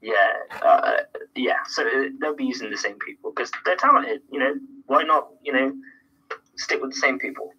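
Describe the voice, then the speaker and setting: A man's voice: mid-range voice, moderate pace, sharp tone, slightly rough, low-quality recording. A man chatting casually as a guest on a gaming podcast, enthusiastic and fond of jokes he takes right back.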